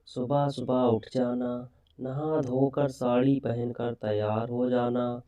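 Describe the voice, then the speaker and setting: A man's voice: mid-range voice, little pitch movement, takes it slowly, recorded from a distance, muffled recording, close to an everyday voice. A man doing a cautioning old grandmother. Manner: cautioning, instructive. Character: old grandmother giving stern advice.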